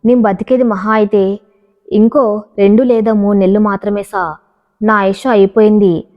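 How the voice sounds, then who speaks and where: A woman's voice: mid-range voice, fairly even intonation, moderate pace, lightly acted. A woman reading as an anguished dying young husband. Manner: pleading, broken speech. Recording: dull, reverberant recording.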